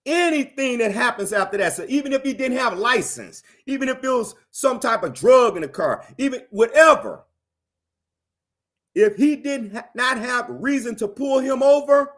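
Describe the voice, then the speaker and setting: A man with a high-pitched voice delivers animated commentary to his viewers. He is emphatic and insistent, circling back to the same phrases to drive each point home. His energy stays up throughout. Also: unhurried. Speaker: commentator on a livestream.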